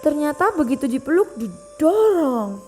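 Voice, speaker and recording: A young mother reads a folk tale aloud to her child, keeping it animated and interactive. Her voice is high and bright, and she often stops to check in with the listener. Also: unhurried, faint music behind. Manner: animated, asks the child questions. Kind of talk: bedtime storytelling to a child.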